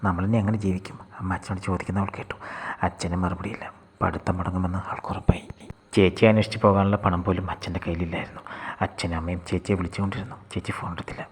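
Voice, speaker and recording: Husky half-whispering male storyteller. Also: sits low, flat delivery, very fast. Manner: soft, half-whispered delivery. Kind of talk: scripted story narration.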